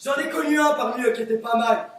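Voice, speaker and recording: A teenage boy in an amateur stage play, acting a crude, hot-headed, bigoted male juror who rants and shouts. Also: very high-pitched, fast talker, a little hiss or hum. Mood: ranting. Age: teens. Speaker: student actor. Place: theatre stage, live performance. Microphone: distant room mic. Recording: echoey theatre from far off.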